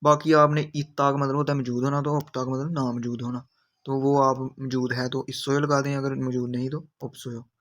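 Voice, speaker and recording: A man's voice: medium pitch, little pitch movement, brisk, fairly bright tone. A man teaching grammar in a video lesson, patiently repeating each example sentence. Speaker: language teacher.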